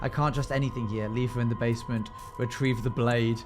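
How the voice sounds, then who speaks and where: A man's voice: medium pitch, steady tone, brisk. A man streaming a game, chatting casually and playfully as he reacts and reads out dialogue choices. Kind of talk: casual let's play chat, reacting and reading out choices. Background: faint game music.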